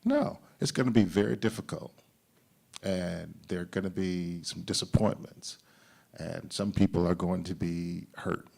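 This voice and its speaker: A man's voice: deep voice, creaky, a little mellow, husky. A man speaking earnestly on a discussion panel, emphatic and given to repeating his phrases. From United States.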